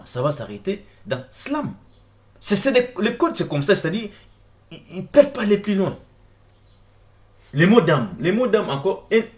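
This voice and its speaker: A man giving an informal explanatory video talk, addressing viewers directly with questions and often repeating words as he searches for them. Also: a little high. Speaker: presenter of an online video lecture. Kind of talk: informal explanatory talk over on-screen text.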